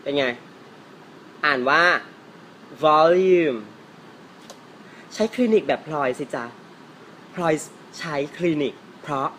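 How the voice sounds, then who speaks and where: A man teaching English pronunciation in a casual, playful way, teasing his viewers and stretching out example words slowly. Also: a little high, sharp tone, slight background noise.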